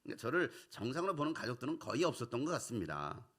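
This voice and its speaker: A man's voice: medium pitch, very animated, racing, fairly bright tone. A middle-aged male pastor preaching a sermon, telling a personal story and acting out the voices of his family.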